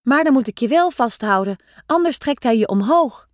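Woman voicing a calm, kind older boy. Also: high voice, normal speed, no room sound, clean studio sound. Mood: cautious. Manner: reassuring, plain.

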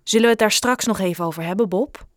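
A woman's voice: medium pitch, expressive, normal speed, no echo, clean studio sound, close to an everyday voice. A woman voicing an awkward, self-conscious schoolboy who stammers in a read-aloud story. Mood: flustered.

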